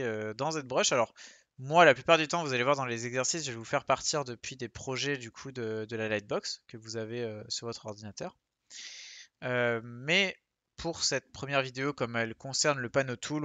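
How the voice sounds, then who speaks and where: A man giving a screen-recorded sculpting software lesson, chatty and relaxed, with fillers and self-corrections. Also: medium pitch, no room sound. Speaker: 3D sculpting instructor.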